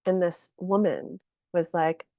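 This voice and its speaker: This is a woman guest on a podcast, spinning a long personal story in an easy, animated way with plenty of fillers and laughs. Her voice sits fairly low, and the sound is dry and close. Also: slow, no room sound. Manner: animated, chatty, many fillers, laughs often. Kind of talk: casual storytelling.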